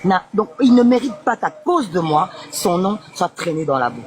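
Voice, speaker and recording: A woman's voice: fairly low pitch, sing-song, normal speed, noisy background. A woman guest speaking insistently and emotionally in a live interview, mixing French and Lingala. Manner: pleading, insistent, switches between French and Lingala.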